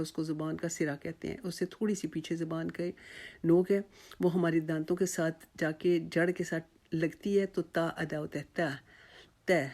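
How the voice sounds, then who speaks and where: A Quran recitation teacher giving a tajweed pronunciation lesson, patiently explaining each sound and then modelling it with slow, drawn-out repetitions of the words. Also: medium pitch, mellow. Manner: patient, explains then demonstrates by slowly repeating each word.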